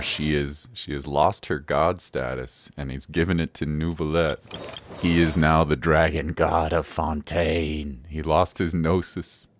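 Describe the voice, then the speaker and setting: With a very deep voice, a man casually chats and commentates on a game livestream in a laid-back, playful way. Music plays in the background, and there's a little hiss or hum.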